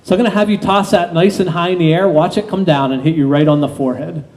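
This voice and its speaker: Guy running a hypnosis show on stage, kinda high soft-edged voice, telling volunteers what to do, repeats himself. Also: fairly even intonation, fast talker. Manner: instructive, repeats phrases, conversational. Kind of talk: live stage hypnosis patter with audience volunteers. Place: open-sided pavilion stage at night.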